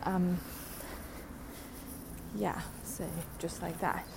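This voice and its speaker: A woman's voice: fairly low pitch, steady tone, very slow, gravelly, background noise. A young adult woman hosting a podcast, rambling through a casual solo rant, mocking herself and laughing often. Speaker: podcast host.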